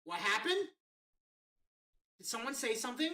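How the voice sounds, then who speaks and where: A man streaming a game live, reacting with excitable, loud outbursts. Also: very high voice, normal speed, distant mic. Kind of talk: live gameplay commentary.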